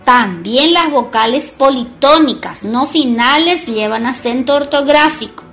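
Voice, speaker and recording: A woman teaches a grammar lesson in a high, unhurried voice. She stresses words clearly and repeats them as she explains. Faint music sits behind her. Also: lively intonation, fairly bright tone. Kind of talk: bilingual Guarani and Spanish grammar lesson.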